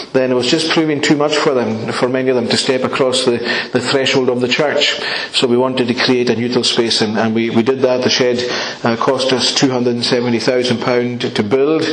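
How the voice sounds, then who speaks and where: A man from the Isle of Lewis with a Hebridean Scottish accent preaches conversationally to a congregation as a visiting minister, gently hesitant and repeating words as he goes. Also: medium pitch. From Isle of Lewis, Scotland. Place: indoors, speaking in a church. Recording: echoey room, church talk recording.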